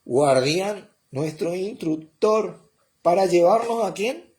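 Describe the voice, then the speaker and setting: Slow, lively-voiced male preacher. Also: high-pitched. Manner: slow and explanatory, often checking with "¿eh?" and "¿mm?". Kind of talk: sermon.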